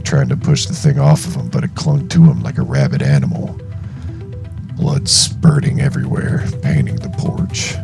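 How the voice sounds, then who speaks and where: An exhausted, shaken young male zombie survivor played by a man narrates his horror audio journal. The voice is extremely deep and heavily creaky, and it moves slowly with halting, dramatic pauses. Music plays clearly behind it. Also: full character voice. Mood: shaken, grim.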